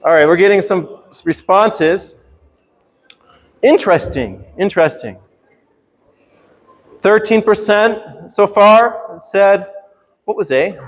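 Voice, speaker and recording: A man's voice: sits high, slow pace, long pauses. A man teaching English in a casual, playful workshop style, often checking in with his students as he explains. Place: large reverberant room at a university workshop. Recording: echoey hall with long reverb.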